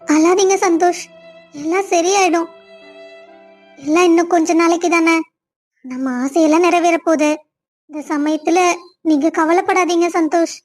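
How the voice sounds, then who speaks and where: A woman voicing a patient young wife in a cartoon family drama, speaking softly with a Kongu Tamil accent. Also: extremely high pitch, fairly even intonation, moderate pace, faint music behind. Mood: soothing. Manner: soft, pleading.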